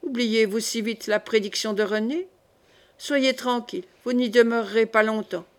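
A woman voicing a calm scheming queen mother. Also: a little high, normal speed, natural voice. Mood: reassuring.

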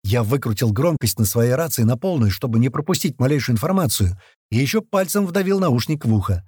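Husky-voiced man narrating an action story. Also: medium pitch, brisk, no echo, studio quality. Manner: lively, voices the gang's shouts in character. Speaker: audiobook narrator. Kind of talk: first-person audiobook narration.

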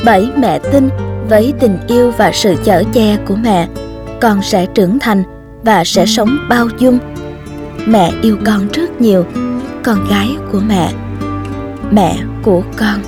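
A woman's voice: mid-range voice, a little slow, music in the background, natural voice. A woman voicing a loving young mother writing tender letters to her baby. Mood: gentle. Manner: tender, softly reading out letters.

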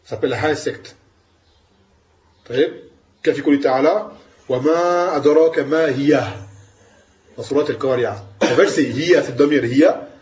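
A man's voice: medium pitch, moderate pace, pauses often, darkish tone, dull audio. A man giving an Arabic grammar lesson, explaining patiently and asking his students questions. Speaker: Arabic teacher.

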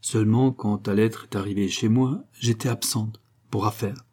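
A male reader voicing an elegant young lady in a storybook reading, chatty and brisk, in quick lively bursts. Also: on the low side, slightly rough. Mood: explaining.

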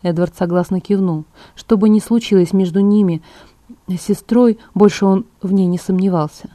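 A woman narrating an audiobook at a steady, measured pace. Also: mid-range voice, no room sound. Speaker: audiobook reader.

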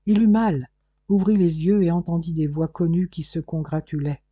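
A male narrator reads a novel aloud in a measured storytelling manner. His voice is very dark and mellow, with a husky texture and a slightly raised pitch. The recording is dry and close. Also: dry recording, highs cut off. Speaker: audiobook narrator. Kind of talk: scripted narration.

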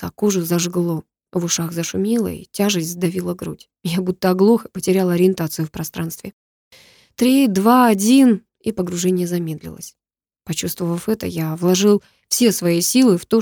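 Warm-voiced woman narrating an audiobook. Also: lowish voice, no echo, studio quality. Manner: tense, emotional storytelling. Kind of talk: first-person audiobook narration.

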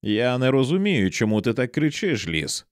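A man's voice: mid-range voice, sing-song, moderate pace, no room sound, studio quality, voice pushed up, close to an everyday voice. A man voicing a troubled writer husband who answers in a guarded, defensive way.

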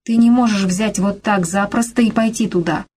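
A woman's voice: medium pitch, moderate pace, darkish tone, slight background noise, close to an everyday voice. A woman voicing a frightened young woman who pleads and begs her lover not to go. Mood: pleading. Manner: desperate, pleading, tearful.

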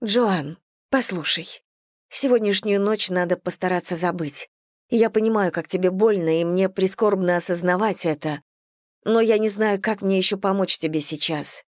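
A woman's voice: medium pitch, normal speed, no room sound, close to an everyday voice. A woman voicing a caring young noblewoman, anxious and pleading, with a raised, dry voice. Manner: anxious, pleading and stern by turns. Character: higher-voiced caring noblewoman, the husband's sister.

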